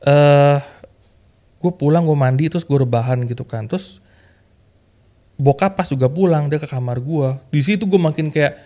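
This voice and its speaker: A man's voice: moderate pace, long pauses. A man, a podcast guest telling a personal story in casual, slangy chat full of fillers. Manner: animated, slangy, full of fillers like "kayak" and "gitu kan"; acts out remembered quotes with lively jumps in pitch. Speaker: podcast guest sharing a testimony.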